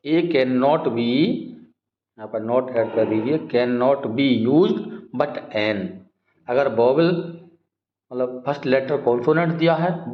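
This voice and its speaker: A man teaching English grammar in a lesson, explaining step by step, asking questions back and repeating words. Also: medium pitch. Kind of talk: classroom-style grammar lesson. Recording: echoey room, dull lo-fi sound.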